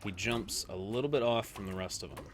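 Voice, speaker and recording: A man's voice: lowish voice, fairly quick, faint music behind. A man streaming a video game live, chatting casually with viewers, reacting aloud to the play and laughing often.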